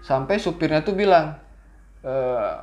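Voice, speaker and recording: Father spinning a lively story, higher voice. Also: a little fast. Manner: lively, acts out his own childhood lines. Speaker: father telling his children a story. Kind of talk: casual bedtime-style storytelling.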